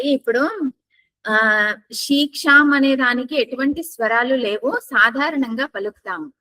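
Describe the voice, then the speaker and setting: A woman teaching a class, who chants verses slowly, repeats each line, then explains the tone marks in plain speech. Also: sits high, bright, forceful tone, no room sound. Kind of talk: class on reciting a scripture with its commentary.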